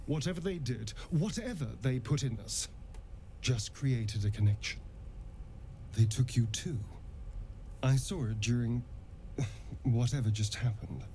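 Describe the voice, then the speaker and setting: A man voicing a sly, charming vampire elf in a video game, silky, mocking and theatrical with soft laughs. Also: mid-range voice, measured pace, long pauses, a little hiss or hum, lightly acted.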